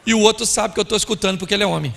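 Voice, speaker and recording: A man pastor preaches a lively, joking sermon at a church conference. His voice sits high and bright with a heavy gravelly rasp, and he keeps slipping into little acted scenes. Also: rapid-fire, a little hiss or hum. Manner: animated, playful, acts out scenes. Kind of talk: humorous sermon.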